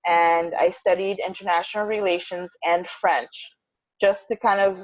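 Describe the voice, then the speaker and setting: A woman's voice: fairly low pitch, fairly even intonation, normal speed, no echo. A young woman from the United States answering interview questions over a choppy, bad video-call connection, telling her story in a chatty way. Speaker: interview guest, English teacher. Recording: dull lo-fi call audio, dry.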